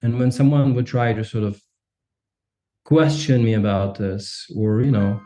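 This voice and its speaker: A man in his forties from Kazakhstan, a native Russian speaker, answering interview questions in a measured, reflective way and often tagging his points with a questioning "right?". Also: mid-range voice, warm tone. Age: 40s. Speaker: guest.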